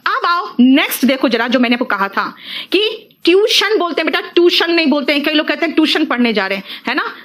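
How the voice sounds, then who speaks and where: A high-pitched woman runs a classroom spelling lesson, switching freely between Hindi and English. She talks to her students like a fond teacher and keeps firing quick questions at them. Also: sing-song, a bit bright. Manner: addresses students as beta, mixes Hindi and English.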